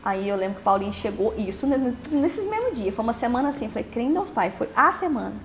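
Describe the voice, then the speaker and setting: A young Brazilian woman telling her own story in a halting way, repeating words and trailing off. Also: fairly high pitch, sing-song, crowd noise. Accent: Brazilian Portuguese. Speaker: podcast host interviewed as guest. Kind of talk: emotional personal testimony.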